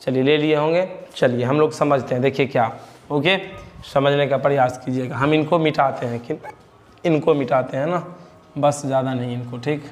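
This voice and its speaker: A man's voice: medium pitch, fairly even intonation, moderate pace, big-room sound. A male teacher with a Bihari Hindi accent giving a grammar lesson, asking questions and answering them himself, repeating key words.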